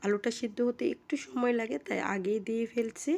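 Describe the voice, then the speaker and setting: A woman, hoarse from a cold, giving chatty step-by-step directions as she narrates a home recipe. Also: on the high side, steady tone, brisk, darkish tone. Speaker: cooking channel host. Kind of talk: recipe voice-over.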